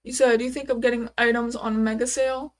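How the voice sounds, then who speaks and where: Brief: young woman in her twenties, casual streamer, higher voice, rambling and full of fillers. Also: level tone, fast. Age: 20s. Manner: chatty, rambling, answers chat questions with many fillers. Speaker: livestreamer. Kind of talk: casual live-stream chat.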